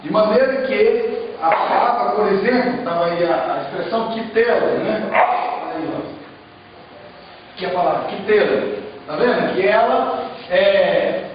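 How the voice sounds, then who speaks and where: High-voiced Brazilian teacher in an echoey classroom. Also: male voice, a little slow, long pauses, a little hiss or hum. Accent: Brazilian Portuguese. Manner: explains step by step, keeps checking with "tá certo?". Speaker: Hebrew teacher. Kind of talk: classroom lecture. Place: church classroom. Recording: muffled, echoey room, distant mic.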